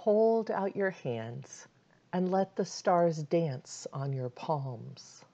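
A woman leads a meditation in a low, very slow, soothing voice, and the recording sounds slightly muffled. Her instructions are calm and unhurried, with long pauses between them.

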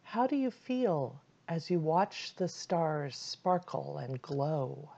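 Woman meditation guide: low, very slow, soothing delivery, slightly muffled recording. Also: creaky. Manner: calm, soothing, unhurried instructions with long pauses.

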